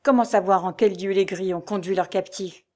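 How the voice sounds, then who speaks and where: A hot-tempered old colonel with brisk, emphatic exclamations, as a woman narrator voices him in a storybook reading. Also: medium pitch, steady tone, darkish tone, natural voice.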